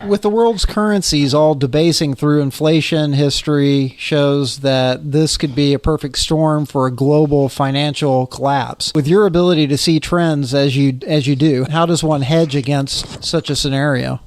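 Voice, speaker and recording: Male radio host, pointed prepared questions, fairly high voice, dry close sound. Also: steady tone, moderate pace, few pauses, a little mellow, no room sound.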